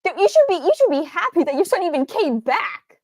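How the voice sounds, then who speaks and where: High-voiced ranting woman streamer. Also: very animated, a little fast, dry recording. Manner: exasperated, ranting, swears freely. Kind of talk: game reaction commentary.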